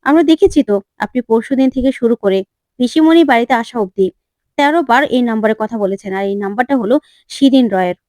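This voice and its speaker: A gentle young daughter-in-law who is hurt and speaks softly, as a woman narrator reads her part. The voice is fairly high and close to the mic. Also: a little fast, no room sound, close to an everyday voice. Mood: earnest.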